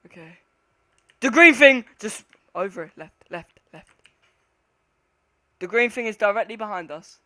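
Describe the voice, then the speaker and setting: Here a frightened streamer works through an online horror game, swearing and talking casually with a teammate while lurching between anxious mumbles and screams. The mid-range voice has a sharp edge, moves at a moderate pace with long pauses, and comes through clean and dry, like a studio.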